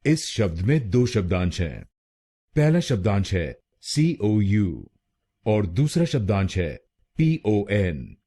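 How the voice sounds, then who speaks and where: A man gives a slow, careful pronunciation lesson, saying every syllable more than once. His voice is low and mellow with a husky edge. His pitch rises and falls widely as he stresses each part of the word. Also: sing-song. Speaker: pronunciation tutor.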